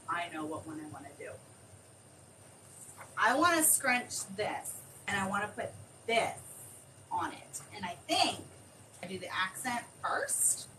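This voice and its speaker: Chatty woman demoing crafts, lively pitch. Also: slow pace, pauses often. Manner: chatty and excitable, thinks aloud. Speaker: crafter demonstrating sublimation. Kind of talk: live craft demo. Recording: distant mic with clear background noise.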